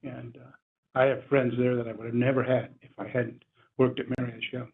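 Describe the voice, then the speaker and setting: A man's voice: medium pitch, little pitch movement, brisk, creaky. A man speaking informally and anecdotally as a board member at a meeting. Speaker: board member and running coach. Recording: tinny phone-like meeting audio, faint noise.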